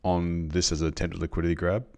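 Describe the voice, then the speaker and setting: A man on a live trading stream, explaining chart setups to viewers in a halting way, with many restarts and ums. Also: sits low, little pitch movement, dark tone.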